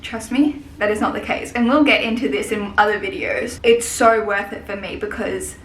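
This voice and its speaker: A woman's voice: medium pitch, steady tone, normal speed, a bit bright. A woman in her twenties, a hairdresser and salon owner, chatting casually and rambling in a vlog. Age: 20s. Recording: echoey room with faint hiss.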